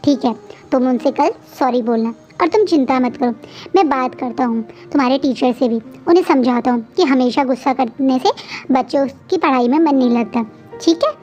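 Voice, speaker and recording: Woman voicing a gentle, soft-spoken young man. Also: very high voice, moderate pace, faint music behind. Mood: gentle, coaxing.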